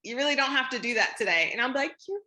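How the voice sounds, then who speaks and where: A woman co-hosting a casual podcast chat, bubbly and quick to laugh, often acting out quotes in a raised voice. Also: sits high, expressive, bright, forceful tone. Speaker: co-host.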